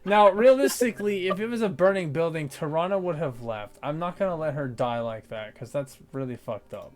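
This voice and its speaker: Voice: medium pitch, animated, fairly quick, darkish tone. A game master narrating and bantering over a tabletop game in a playful, theatrical way.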